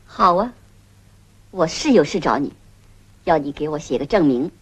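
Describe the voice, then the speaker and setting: A woman's voice: low-pitched, expressive, normal speed, husky. A proud, blunt middle-aged woman from a 1970s film drama. She answers in short, cutting lines full of dry irony and does not back down. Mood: cutting, ironic. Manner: blunt, sharp, ironic.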